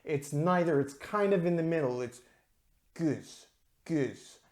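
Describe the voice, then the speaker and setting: A man's voice: a little high, normal speed, a little mellow. A man hosting a casual video beer review, talking in a chatty, explanatory way with frequent ums and uhs. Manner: careful with pronunciation, drawn out.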